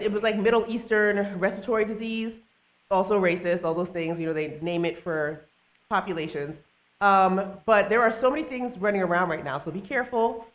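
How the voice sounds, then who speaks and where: A woman's voice: mid-range voice, a bit bright. Chatty woman hosting a live stage show. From United States, family from Trinidad and Tobago. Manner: chatty, playful, teasing the audience. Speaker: talk show host. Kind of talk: live stage monologue with audience. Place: small stage venue with live audience.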